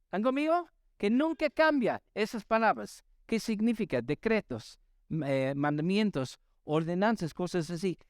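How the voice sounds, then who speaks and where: A man with a high-pitched voice and big pitch swings preaches a sermon at a church service before a live congregation, speaking at normal speed. He is emphatic and keeps asking the audience to respond. The studio sound is clean, with no room sound.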